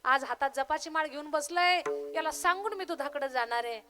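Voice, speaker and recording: A woman's voice: high voice, fairly quick, fairly bright tone, soft background music. A woman doing a smug cheeky tomcat. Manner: mocking, boastful, meows.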